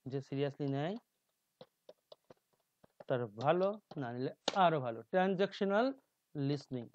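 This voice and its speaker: A man with a Bengali accent teaching an exam-prep lesson. He reads English answer options aloud slowly and often trails off into low asides. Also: lively intonation, a little mellow, a little hiss or hum. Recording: dull dry lo-fi recording.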